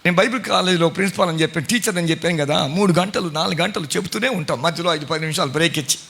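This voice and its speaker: A man's voice: on the high side, rapid-fire, vocal fry, sharp tone. A middle-aged man preaching a sermon as pastor, questioning his congregation in a conversational way. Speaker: pastor and Bible college principal.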